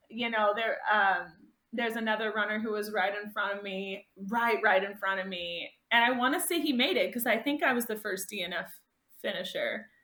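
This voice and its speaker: Brief: bright, higher-pitched woman, podcast guest, animated storyteller who laughs a lot, roomy echoey sound. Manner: animated, laughs often, voice rises sharply when reliving moments. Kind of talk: casual storytelling interview.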